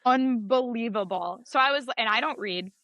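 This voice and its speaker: Bright-voiced chatty young woman. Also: fairly high pitch, normal speed, no room sound. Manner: chatty and emphatic, heavy use of "like". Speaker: judge and coach. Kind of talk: casual interview conversation.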